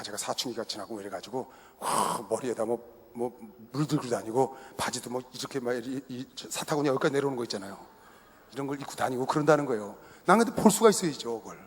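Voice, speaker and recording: A middle-aged male pastor tells a personal story during a sermon, animatedly acting out family dialogue and laughing at himself. His voice is medium-pitched and husky. He's preaching in a large indoor sports arena used for worship, and the recording echoes through the hall.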